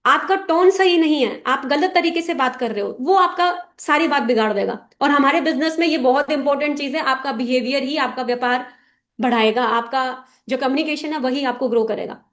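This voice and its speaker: A woman's voice: sits high, normal speed. A woman leading a business meeting, giving direct, instructive advice to her sales team and often checking that everyone understands. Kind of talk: motivational talk to a sales team.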